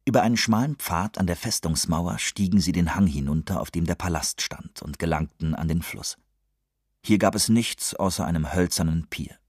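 A man reading a fantasy story aloud in calm, measured narration, close to the mic. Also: sits low, slightly rough, dry recording. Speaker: audiobook narrator. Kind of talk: scripted audiobook narration. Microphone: close studio mic.

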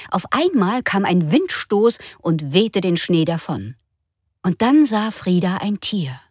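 Woman narrator, children's story, slow and animated. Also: on the low side, no echo, studio quality. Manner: lively, expressive storytelling.

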